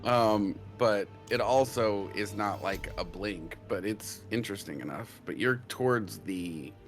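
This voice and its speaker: A man's voice: on the low side, a little slow, music in the background. A man chatting casually with a friend during a game, rambling and loose in his talk. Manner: rambling, loose, laughs easily. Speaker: co-player guest. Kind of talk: casual gaming chat.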